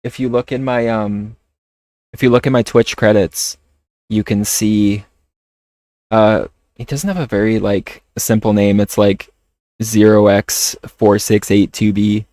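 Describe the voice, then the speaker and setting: A man chatting casually on a livestream while playing a game, talking in a hesitant, halting way. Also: fairly low pitch, level tone, darkish tone, no echo. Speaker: streamer. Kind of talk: casual livestream chat over gameplay.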